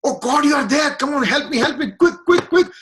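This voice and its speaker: A man's voice: high-pitched, animated, a little slow, a bit bright. A man voicing a terrified man hanging from a dry tree over a canyon, pleading frantically for help. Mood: frantic.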